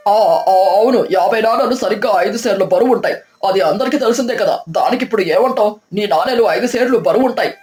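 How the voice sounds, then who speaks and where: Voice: medium pitch, brisk, few pauses, darkish tone, echoey room, soft background music, natural voice. A crooked village shopkeeper, acted by a voice actor, caught out and stammering. He dodges and blusters. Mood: flustered. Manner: stammering, evasive.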